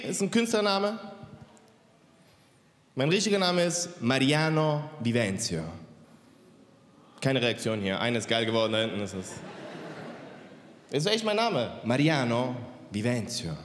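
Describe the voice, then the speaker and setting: A man's voice: medium pitch, a bit bright, a little hiss or hum. A man in his thirties doing stand-up on a big indoor stage with a handheld mic, teasing the crowd in a cocky way. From Germany. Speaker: stand-up comedian. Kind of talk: stand-up comedy. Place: large indoor stage with audience. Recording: roomy hall with long reverb, faint ambience.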